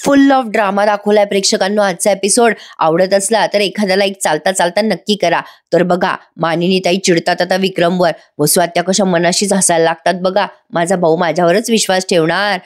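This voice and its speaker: Brief: woman narrating a serial recap, mid pitch, chatty asides to viewers. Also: fairly even intonation, moderate pace, few pauses. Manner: chatty, addressing viewers directly. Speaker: TV serial reviewer. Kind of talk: voice-over episode recap.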